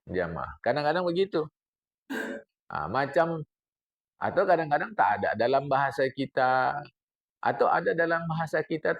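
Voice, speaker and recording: An older man, a religious teacher giving an animated sermon to his congregation, reciting Arabic passages and explaining them. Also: medium pitch, muffled recording. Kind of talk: mosque study-circle sermon.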